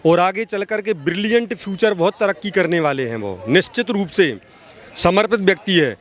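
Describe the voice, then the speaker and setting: Speaking at normal speed in an expressive, high-sitting voice, a man gives a street interview as a social activist. He voices fiery political views like an orator, with emphatic repetition of phrases.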